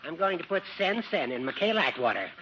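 An actor playing a jolly, oblivious old judge in a radio comedy, chortling with gleeful, theatrical eagerness. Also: male voice, on the high side, big pitch swings, brisk. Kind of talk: 1950s American radio comedy acting. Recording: dull, noisy old radio recording.

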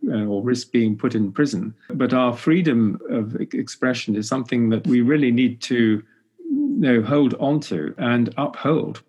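Husky-voiced male interviewer. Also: medium pitch. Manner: warm, affirming, slightly halting with repeated words. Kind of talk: conversational interview.

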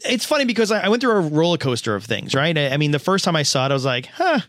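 Animated man chatting on a podcast. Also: a little high, no echo, clean studio sound. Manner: animated, quick asides, acts out his own reactions. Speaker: podcast co-host. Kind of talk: casual podcast chat about movies.

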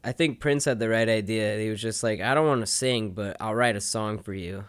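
A young man co-hosting a podcast in casual chat, laid-back, laughing often and trailing off into quiet asides. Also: lowish voice, brisk, clean tone, no echo. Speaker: podcast co-host.

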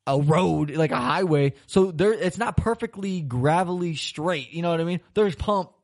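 A young man from Florida hosts a casual podcast chat, animatedly retelling a rambling story packed with swearing and laughter. His voice is fairly high and moves at a normal speed.

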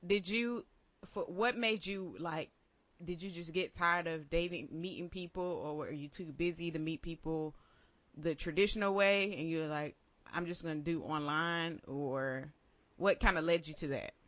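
A woman's voice: sits low, normal speed, fairly bright tone, no echo, muffled recording. A woman co-hosting a talk show, chatting casually. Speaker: co-host. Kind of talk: casual chat.

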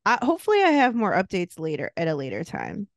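A woman in her late thirties co-hosts a podcast, chatting casually and laughing often. Her mid-range voice swoops wildly in pitch and moves fast. The studio-quality recording has no echo.

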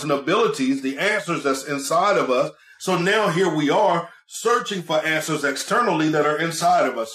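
A man's voice: a little high, a bit bright. Emphatic motivational male coach, echoey room. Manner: emphatic, repeats phrases for effect; exhorting listeners directly, preacher-like. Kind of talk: motivational speech. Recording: echoey, roomy sound.

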